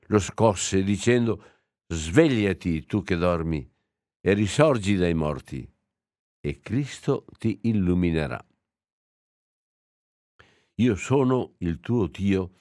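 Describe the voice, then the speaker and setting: Slow, low-voiced Italian priest. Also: male voice, a little mellow, no echo, clean studio sound. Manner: slow, reflective reading with hesitations. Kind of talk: homily with reading aloud.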